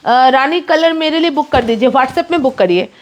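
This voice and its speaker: A woman with a high, light voice runs a live saree sale. She rattles off prices and repeats her calls to book fast, slipping English words into a pushy, rapid patter. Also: lively intonation. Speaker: online saree seller. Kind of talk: live sales stream.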